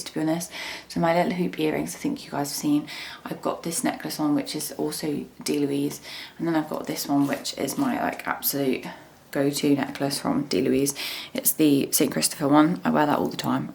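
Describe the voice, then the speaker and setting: Here a young woman from England vlogs about her lifestyle, talking loosely to camera indoors and out in the garden with plenty of filler words. Her pitch sits fairly low, creaky and a little mellow, and the sound carries a roomy echo over faint background noise.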